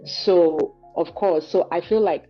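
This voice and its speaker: A guest offering a client testimonial, this Cameroonian woman talks slowly in a markedly low voice, sincere and thoughtful, frequently saying "you know" as she explains things. It's a conversational interview held over a call, and the sound is dull and lo-fi with soft music in the background.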